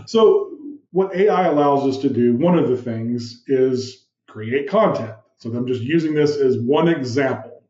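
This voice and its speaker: A business founder appearing as a podcast guest explains ideas animatedly, using vivid room analogies and rhetorical questions, and calls his own voice big and commanding. He speaks at medium pitch, unhurried with few pauses, in explanatory interview talk on a reverberant, muffled recording.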